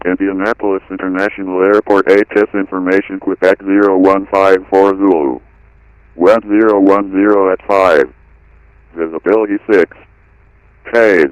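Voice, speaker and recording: A man's voice reading an automated airport weather broadcast over the radio, reciting numbers and runway notes in an even, clipped way. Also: deep voice, normal speed, clean tone, no echo, muffled recording. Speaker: automated airport information recording.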